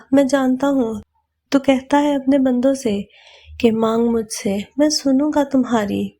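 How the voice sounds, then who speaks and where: A woman's voice: fairly high pitch, warm tone. A woman voicing an earnest young husband in a storybook reading, speaking bluntly and then in pleading prayer.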